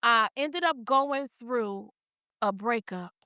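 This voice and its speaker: A woman's voice: on the high side, expressive, slow pace, pushed and bright, clean tone, no echo, studio quality. A woman hosting a podcast, talking in a heartfelt, affectionate, folksy way. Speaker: podcast host. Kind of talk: heartfelt casual chat.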